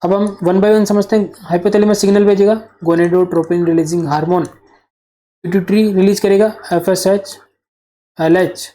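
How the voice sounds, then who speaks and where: A man's voice: sits high, steady tone, normal speed, dark tone. A man teaching nursing exam material as a whiteboard lecture. He poses questions, answers them himself, and repeats the key terms.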